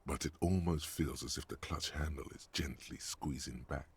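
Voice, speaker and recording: A man voicing a brooding, wry inner-voice narrator in a video game, speaking in a measured, poetic way. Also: dry recording, heavily acted. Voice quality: very deep gravelly voice.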